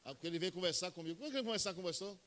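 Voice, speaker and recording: High bright-voiced Brazilian preacher. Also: male voice, animated, rapid-fire, big-room sound. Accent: Brazilian Portuguese. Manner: emphatic, swings from loud high bursts to low intimate asides. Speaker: pastor. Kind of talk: Pentecostal-style sermon with storytelling.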